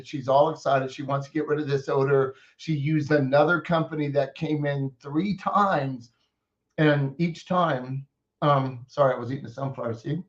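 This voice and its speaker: Rambling, fairly high-voiced coaching man. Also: muffled recording. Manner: informal and rambling, many fillers and restarts. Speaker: business coach hosting a webinar. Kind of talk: casual online presentation.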